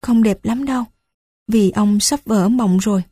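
A gentle young girl, as a woman reading a story puts her on, calm and earnest with a teasing edge. The voice is mellow and breathy, and she speaks slowly. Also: medium pitch, no echo, studio quality.

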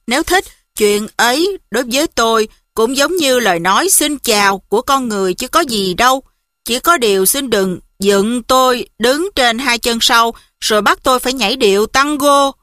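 A woman narrating an audiobook story in a lively, expressive first-person style. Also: a little high, no room sound, clean studio sound.

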